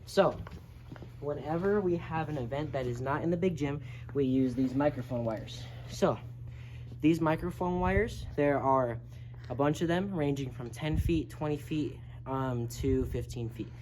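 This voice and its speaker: In a noisy amateur video with background noise, an instructor walks through a casual, hands-on tutorial step by step. The voice is mid-range and unhurried.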